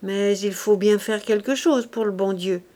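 A woman reading the part of a scheming male innkeeper who haggles with feigned tenderness, in a slow, wheedling voice. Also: mid-range voice, warm tone, natural voice. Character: greedy scheming male innkeeper, smooth-talking.

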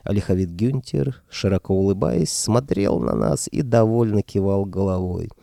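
A man's voice: on the low side, normal speed, gravelly, warm tone, no echo, studio quality. A man reading a first-person audiobook in a wry, humorous storytelling manner. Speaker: audiobook narrator.

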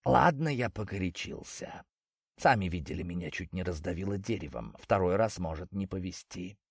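A man voicing a hot-tempered but quickly sorry male friend in a storybook, in a low, scolding tone. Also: expressive, gravelly, husky, no room sound, clean studio sound, exaggerated voice.

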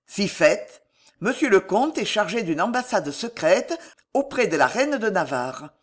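A woman's voice: medium pitch, big pitch swings, unhurried. A woman reading a young male chevalier, courteous and reassuring, close to her own voice.

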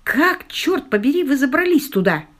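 A woman's voice: sits high, big pitch swings, normal speed, a bit bright, pitched above the performer's own voice. A woman voicing a naive, astonished young man in an audiobook. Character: wide-eyed, bewildered young man.

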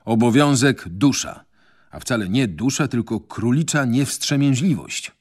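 A man voicing a mocking, sharp-tongued shaggy young man in a radio reading of a novel. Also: medium pitch, lively intonation, unhurried. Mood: scornful. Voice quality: taunting, jeering.

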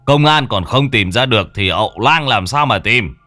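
A man doing a calm old village healer. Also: medium pitch, moderate pace, dry recording. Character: older male village healer, calm and modest.

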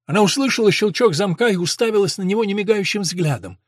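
A man narrates a dark story in a tense, dramatic read. His voice is husky and sits fairly high. The recording is dry and close. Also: lively intonation, fast, no room sound. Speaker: audiobook narrator. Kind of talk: scripted narration.

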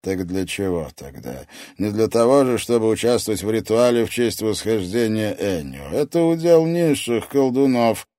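A man's voice: fairly low pitch, expressive, moderate pace, few pauses, mellow, no echo, clean studio sound, pitched above the performer's own voice, natural voice. A man voicing a cruel, scornful old male puppet lord in an audiobook. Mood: sneering. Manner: scornful, mocking.

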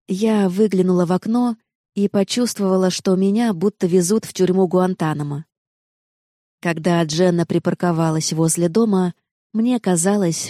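A woman reading a novel aloud in the first person, steady and expressive. Her voice is mid-pitched and mellow, heard close and dry with no room around it. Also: dry recording. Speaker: narrator. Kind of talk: first-person audiobook narration.

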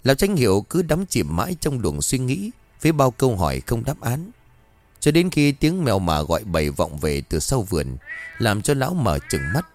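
A man's voice: medium pitch, big pitch swings, moderate pace, no room sound, soft background music. A man narrating a horror folk tale with suspenseful, dramatic storytelling.

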